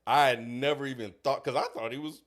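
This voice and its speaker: A man's voice: mid-range voice, fast. A man co-hosting a casual podcast, reading out listener questions from the chat and chatting loosely. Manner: relaxed, reads out listener questions.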